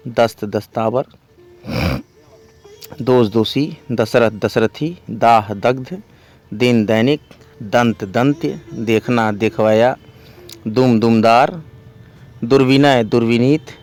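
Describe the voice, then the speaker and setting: A man gives a grammar lesson by reading out pairs of words in a slow, even rhythm. His voice sits at an ordinary middle pitch. He moves through the list methodically, leaving clear gaps between the items. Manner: slow, steady listing of word pairs. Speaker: Hindi grammar teacher. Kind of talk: reciting word lists in a lecture.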